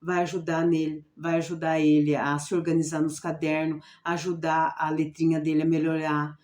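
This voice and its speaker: Low mellow woman explaining a lesson plan. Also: little pitch movement, normal speed. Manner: repetitive, checks in with "certo?". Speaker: special education teacher.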